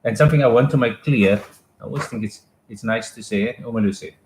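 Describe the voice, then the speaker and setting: A man's voice: mid-range voice, fast talker, darkish tone, reverberant, slight background noise, low-quality recording. A man explaining exam options in a casual, conversational live talk, often restarting his sentences. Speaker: education advisor.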